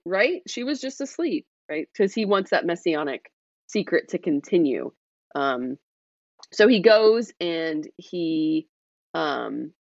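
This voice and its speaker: A woman with a fairly low voice hosting a casual scripture discussion, chatty and full of fillers and tag questions. The sound is dry and close, with a slightly dull, muffled recording. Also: dry recording. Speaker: host of an online Bible discussion.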